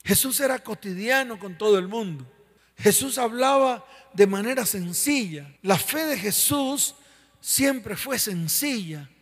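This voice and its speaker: High-voiced preacher in a reverberant hall. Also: male voice, expressive, a little slow, fairly bright tone. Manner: emphatic, repeats key phrases, asks listeners questions. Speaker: pastor. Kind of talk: sermon.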